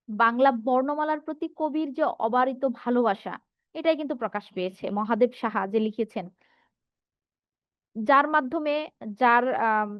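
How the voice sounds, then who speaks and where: A high-voiced woman teacher with a Bangladeshi Bengali accent leads an online lesson, often putting questions to her students. Her voice is dry and close, a little muffled and lo-fi. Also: dry recording. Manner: reads out students' answers and asks rhetorical questions. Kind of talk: online class lecture.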